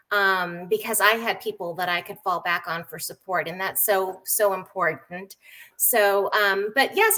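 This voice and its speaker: A middle-aged woman from San Diego, born in Japan, chatting as a guest with many hesitant pauses. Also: mid-range voice, sharp tone. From born in Japan, raised in San Diego. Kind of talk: casual conversation.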